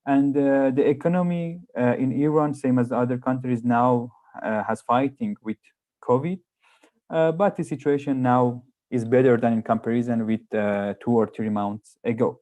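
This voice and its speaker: Halting man on a dry, muffled call. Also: medium pitch, mellow, no room sound. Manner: halting, searching for words. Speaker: panel guest, economist. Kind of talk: answering on a webinar panel. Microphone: video call.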